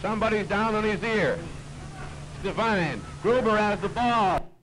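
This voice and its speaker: A man with a high voice calls a basketball game in plain, steady play-by-play. It comes from a played-back early 1930s archive recording, with loud hiss under the voice. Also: unhurried. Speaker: basketball commentator. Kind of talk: live play-by-play commentary. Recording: noisy, hissy old archive recording.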